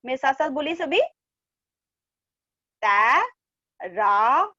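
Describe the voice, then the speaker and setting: A woman teacher giving an online class to young children, drawing out syllables slowly and repeating each word twice for them to copy. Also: sits high, lively intonation, no room sound, lo-fi sound. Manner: coaxing, repeats words in pairs. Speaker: primary school teacher. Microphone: online class from home.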